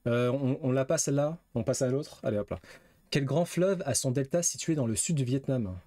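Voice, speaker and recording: Dry-voiced streamer guessing quiz answers. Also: male voice, medium pitch, a little fast, mellow, no room sound. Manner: reads questions aloud, guesses, swears casually. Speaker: gaming streamer. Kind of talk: casual live quiz game commentary.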